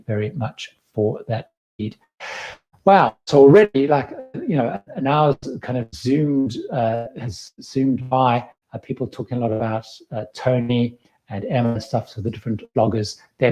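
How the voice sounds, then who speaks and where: A man's voice: medium pitch, mellow. A man in his fifties from Zimbabwe with a slight Zimbabwean accent, hosting a live-stream Q&A in a chatty, rambling way and giving advice. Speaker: host.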